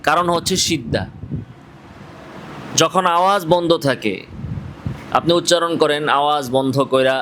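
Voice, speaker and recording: Bangladeshi male teacher with a slightly raised pitch, drilling a classroom on letter sounds over a faint hum of noise. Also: normal speed, pauses often, a bit bright. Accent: Bangladeshi Bengali. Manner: asks the class questions and answers them himself, demonstrating sounds. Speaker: Quran recitation teacher. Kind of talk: classroom tajweed lesson. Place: classroom with students.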